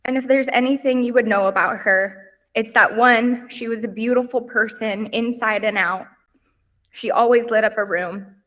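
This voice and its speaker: Young woman reading a eulogy, bright clear voice, lots of hall reverb, earnest. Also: fairly high pitch, steady tone, normal speed. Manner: earnest and heartfelt, softening on lists. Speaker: eulogy speaker. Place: memorial service hall.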